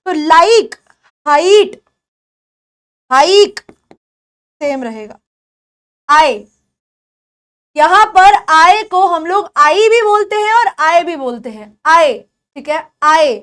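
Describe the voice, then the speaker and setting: A woman's voice: very high voice, lively intonation, a bit bright. A young Indian woman teaching beginners English pronunciation, a Hindi speaker who says example words over and over and checks that students follow. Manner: patient, repeats example words slowly and checks understanding.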